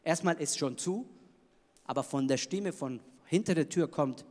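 A man preaching a sermon in an emphatic manner, swinging between loud bursts and hushed lines. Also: a little high, normal speed, long reverb tail. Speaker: pastor.

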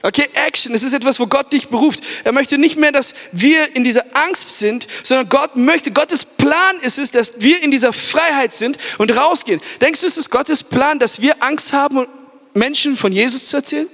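A man's voice: very high-pitched, moderate pace, sharp tone. Man, youth pastor, fervent sermon, asks the crowd for amens, English words mixed in, church hall echo.

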